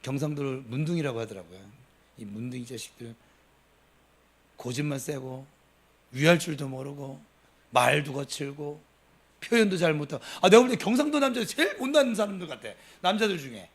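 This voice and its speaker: A middle-aged man preaches in a high voice at a weekday prayer service. He pushes hard on key words, then drops into quiet asides. He talks straight to the congregation the whole time. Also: lively intonation, moderate pace. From Gimcheon, Gyeongsang province. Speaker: pastor. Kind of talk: sermon at a Wednesday prayer service.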